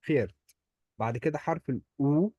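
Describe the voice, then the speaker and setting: A man's voice: on the high side, brisk, dark tone, slightly rough, no echo, highs cut off. A man with an Egyptian Arabic accent, teaching German pronunciation one-on-one, patiently repeating each word for his student. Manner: patient, drills words by repeating them.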